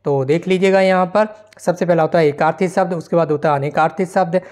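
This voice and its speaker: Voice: medium pitch, steady tone, quick pace, darkish tone. Patient online teacher going through model answers. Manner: explanatory, reads questions aloud and checks in with frequent "theek hai". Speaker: exam-prep teacher. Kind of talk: online exam-prep lesson reading model answers.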